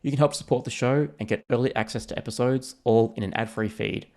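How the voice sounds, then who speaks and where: Chatty podcast host. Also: male voice, medium pitch, fast talker, darkish tone. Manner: friendly, chatty, reads sponsor lines. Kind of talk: casual podcast hosting.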